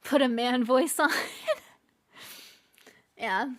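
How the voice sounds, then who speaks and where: With a high pitch and drawn-out words, a woman chats casually with her live stream chat. She laughs often between lines in a giggly way and tends to trail off with fillers.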